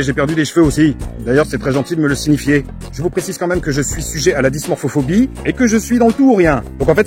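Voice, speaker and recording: A man's voice: fairly high pitch, darkish tone. A man vlogging outdoors while walking his dog, telling everyday stories in a wry, self-mocking, chatty way. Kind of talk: casual storytelling vlog.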